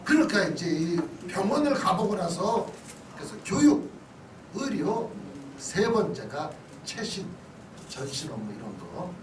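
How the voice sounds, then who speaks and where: A male pastor with a high, sing-song voice delivers a history lecture in a church hall at a measured pace. He keeps it chatty, often checking in with listeners through questions and asides. The recording is echoey, with a distant mic and a noisy background.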